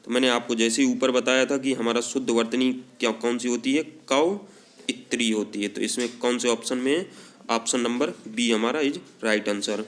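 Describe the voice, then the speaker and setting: A man teaching a Hindi spelling lesson for exam practice. He talks with a north Indian Hindi accent, drags out the example words, and leans on the filler "हमारा" again and again. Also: mid-range voice.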